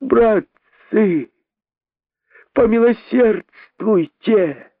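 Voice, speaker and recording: A man doing a high, frightened rabbit. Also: animated, drawn-out words, dry recording, exaggerated voice. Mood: pleading. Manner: high, pleading, panicky. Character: frightened, pleading male rabbit. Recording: dry, narrow phone-like sound.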